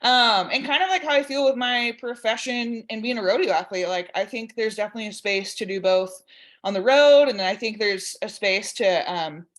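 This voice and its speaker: A woman's voice: on the high side, normal speed. A woman with a West Texas twang, talking in a chatty, enthusiastic and informal way as a guest in a casual interview. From West Texas, United States. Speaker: podcast guest, dietitian and rodeo athlete.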